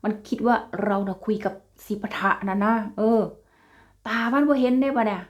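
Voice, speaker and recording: A woman's voice: medium pitch, normal speed. Chatty Isan-accented woman vlogger. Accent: Isan (Northeastern Thai). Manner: chatty, laughs often, addresses viewers as siblings. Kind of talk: casual chat to viewers.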